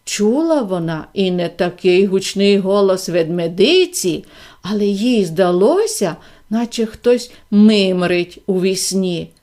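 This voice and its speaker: A woman reading a fairy tale aloud in a gentle, expressive storytelling manner. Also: mid-range voice, takes it slowly. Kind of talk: scripted fairy-tale narration.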